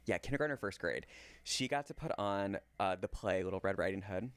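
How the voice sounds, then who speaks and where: A man co-hosting a podcast, telling an animated story and acting out the people in it. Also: low-pitched, fairly quick, clear, resonant tone, no echo. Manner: animated storyteller who acts out quotes. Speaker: podcast co-host. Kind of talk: casual chat.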